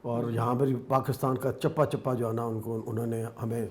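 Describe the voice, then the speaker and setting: A man's voice: mid-range voice, little pitch movement. A man in his sixties with a Pakistani Urdu accent, an actor telling his life story as an interview guest.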